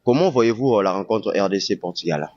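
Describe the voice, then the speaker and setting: A man's voice: on the low side, lively intonation, brisk, a little mellow, no room sound, highs cut off. A man from the Democratic Republic of the Congo doing a street interview as host, with many hesitant fillers and eager prompting. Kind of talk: street vox-pop interview.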